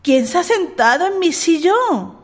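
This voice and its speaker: A woman voicing a gentle mother bear in a storybook, speaking more softly. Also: a little high, big pitch swings, slow, heavily acted. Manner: softer, gentle voice.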